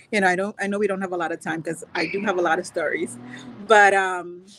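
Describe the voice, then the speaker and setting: A woman's voice: medium pitch, a bit bright, a little hiss or hum. A woman, born in Grenada, telling a personal story earnestly and unhurriedly on a video call, with many "you know"s. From Grenada, raised in Trinidad and Tobago. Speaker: guest speaker.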